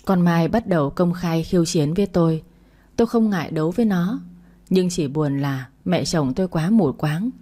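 A woman narrating a first-person family story in a steady, plain manner. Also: lowish voice, normal speed.

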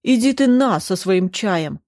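A woman voicing a drunk, frenzied young man who shouts and threatens, demanding money. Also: fairly low pitch, a little slow, dry recording, clean studio sound. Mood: furious. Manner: shouting, menacing.

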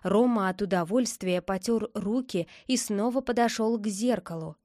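A woman reading a children's story aloud with a lively, expressive delivery. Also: medium pitch, moderate pace, no echo, clean studio sound. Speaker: narrator.

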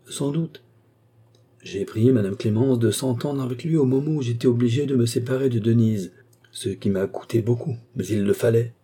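A man's voice: mid-range voice, moderate pace, dark tone, breathy edge, natural voice. A man reading an audiobook, voicing a frail, stubborn and emotional old marquis in a raised voice. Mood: insistent. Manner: insistent, emotional.

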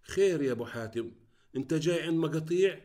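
A man voicing a wary, hospitable middle-aged housewife in a raised, hushed voice. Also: mid-range voice, animated, fast, voice pushed up. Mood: puzzled.

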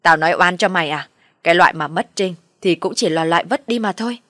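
Brief: woman playing a shrill, spiteful mother-in-law, audio story, dry close sound. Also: fast, no room sound, lightly acted. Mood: furious scolding. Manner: shrill, abusive shouting. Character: furious scolding middle-aged mother-in-law.

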